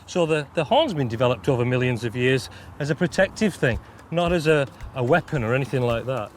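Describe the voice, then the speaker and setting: A man's voice: mid-range voice, lively intonation, a little fast. A man who keeps rhinos, explaining things informally in an outdoor interview. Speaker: rhino keeper and breeder. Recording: outdoors with faint background noise.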